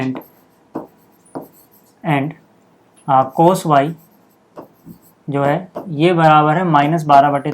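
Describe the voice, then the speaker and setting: A man teaching a maths lesson step by step, checking in constantly with "okay" and repeating the key steps slowly. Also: on the high side.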